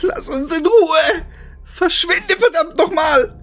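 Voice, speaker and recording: A man's voice: takes it slowly, fairly bright tone, faint music behind, exaggerated voice. A man putting on a shrieking, terrified young woman. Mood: sobbing. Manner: shrieking, high-pitched cries.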